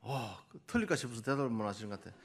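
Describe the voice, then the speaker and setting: A male missionary preacher giving a Sunday morning sermon, quizzing the congregation and coaxing answers, then building to loud, emphatic peaks. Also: medium pitch, big pitch swings, rapid-fire, creaky.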